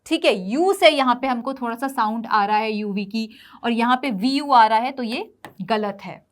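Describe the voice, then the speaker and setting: A woman teaches an online exam-prep lesson in a high, light voice. She moves between Hindi and English, sounds out the spelling of each word slowly and keeps checking that students follow. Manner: mixes Hindi and English, drills pronunciation, checks in with "got it?".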